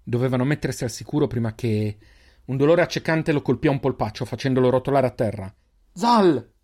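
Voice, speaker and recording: A man reading a fantasy story aloud as narrator, with steady, measured pacing and dramatic pauses. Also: medium pitch. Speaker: audiobook narrator. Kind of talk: scripted narration.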